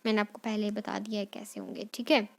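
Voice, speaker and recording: A woman teacher, going over exam questions in Hindi mixed with English, repeating each point and dictating definitions slowly. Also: mid-range voice, lively intonation, creaky. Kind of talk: exam revision lesson.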